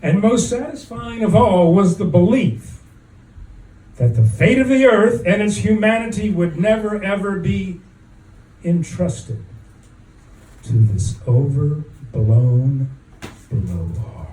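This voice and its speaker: Slow, halting male open-mic poet, roomy sound. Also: high voice, expressive, mellow. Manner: deliberate, halting delivery with drawn-out pauses. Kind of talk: dramatic spoken-word storytelling reading. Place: echoing room at an open mic event. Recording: roomy, distant mic, faint background noise.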